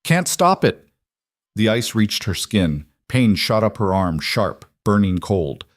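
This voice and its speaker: A man narrating a dark fantasy romance story in a measured, dramatic read. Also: lowish voice, dry recording, studio quality. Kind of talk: scripted audiobook narration.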